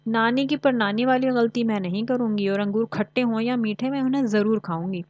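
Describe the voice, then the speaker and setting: A woman's voice: fairly high pitch, a little fast, darkish tone, no room sound, voice pushed up, close to an everyday voice. A cunning, greedy she-fox from a storybook, voiced by a woman, sly and wheedling in her pleas. She sounds close and dry, on a slightly dull recording. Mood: stubborn.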